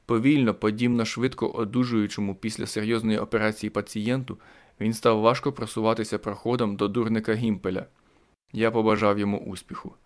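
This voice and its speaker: A man's voice: lowish voice, flat delivery, fairly quick. A man narrating a first-person thriller audiobook with dramatic tension.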